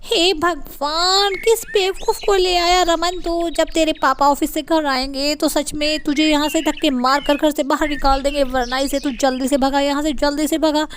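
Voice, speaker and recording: A woman's voice: sits high, steady tone, moderate pace, few pauses, slight background noise, natural voice. A woman voicing a short-tempered middle-aged mother-in-law who scolds and insults in a harsh manner. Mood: scolding.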